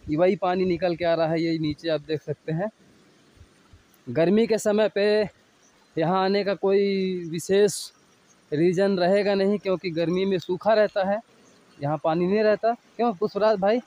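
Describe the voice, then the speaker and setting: A man's voice: high-pitched, fairly even intonation, normal speed, dark tone. A man in his thirties, talking to viewers as he walks through a village and forest, filming himself on a handheld phone. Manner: chatty, addressing viewers while hiking. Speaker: travel vlogger. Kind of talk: outdoor travel vlog. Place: outdoors in village and forest trail. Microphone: handheld phone at arm's length.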